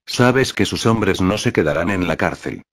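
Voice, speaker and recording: Cautious adult male ally, low and even, as voiced by the male narrator. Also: moderate pace, no echo, studio quality. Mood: wary.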